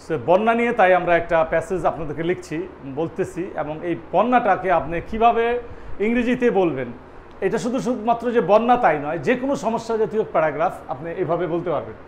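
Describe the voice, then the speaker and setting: A man's voice: sits high, lively intonation, a little fast, a little hiss or hum. A man teaching an English lesson, asking and answering his own questions and spelling words out letter by letter. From Bangladesh. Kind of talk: spoken language lesson.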